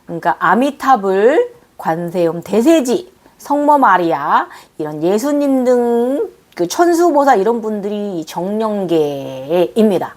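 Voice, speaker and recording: A woman recounts a dream to her viewers in easy, chatty talk. Her pitch swings up and down freely as she exclaims and coos, and she keeps repeating phrases while she explains. Her voice sits at an ordinary middle height. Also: unhurried, few pauses. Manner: animated and exclamatory, cooing fondly. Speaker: spiritual channel host. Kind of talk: casual spoken account of a dream to viewers.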